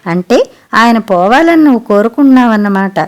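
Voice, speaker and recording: A woman's voice: a little high, animated, normal speed, darkish tone, close to an everyday voice. A woman voicing a devoted adult daughter in a storybook reading, speaking earnestly and reproachfully. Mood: indignant.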